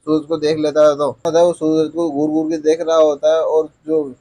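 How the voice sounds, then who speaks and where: Young man recapping a soap, monotone. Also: on the high side, moderate pace, poor audio. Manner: repetitive, rambling retelling. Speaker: vlogger. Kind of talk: TV serial plot recap.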